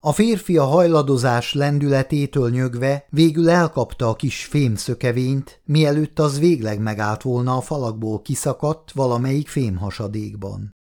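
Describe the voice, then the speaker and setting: Guy narrating a sci-fi audiobook, steady dramatic read, mid pitch. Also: hardly any pauses.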